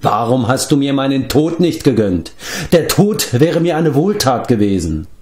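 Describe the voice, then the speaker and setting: A man's voice: mid-range voice, very animated, moderate pace, darkish tone, echoey room, pitched above the performer's own voice, lightly acted. A man voicing a proud fallen sorceress queen, bitter and crying out in rage, in an audiobook reading.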